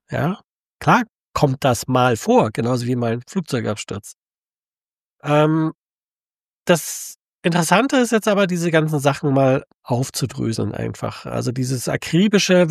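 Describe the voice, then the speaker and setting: Gravelly man musing casually. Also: fairly high pitch, no echo, clean studio sound. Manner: thoughtful, many fillers and restarts. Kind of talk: casual monologue.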